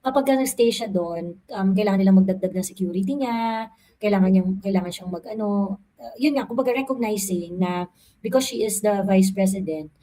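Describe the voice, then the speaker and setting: A woman giving casual commentary, pausing often to search for words. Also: mid-range voice, mellow, slight background noise, low-quality recording. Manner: searching for words, many fillers.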